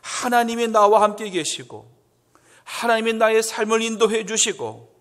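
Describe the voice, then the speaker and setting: A man preaching a Sunday sermon as pastor, acting out quotes with swings up to loud, emphatic peaks. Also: sits high, moderate pace. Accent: Korean. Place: church sanctuary. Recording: long church hall reverb.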